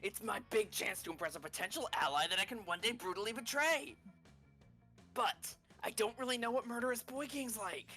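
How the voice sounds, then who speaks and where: A woman's voice: fairly high pitch, brisk, bright, forceful tone, faint music behind. A woman voicing a boisterous, scheming demon from a game, in a dramatic, exclamatory way. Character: boisterous, scheming demon eager to impress and betray.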